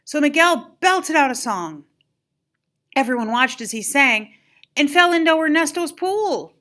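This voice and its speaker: Her voice sits high and moves a little slowly: an older, grandmotherly woman reading a children's story aloud. She performs it expressively and animatedly, dramatically emphasizing exclamations and key moments.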